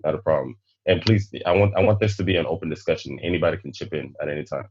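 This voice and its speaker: A man born in Nigeria, hosting a panel discussion and speaking in a measured, reflective way. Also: low voice, a little mellow, muffled recording, a little hiss or hum. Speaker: podcast host.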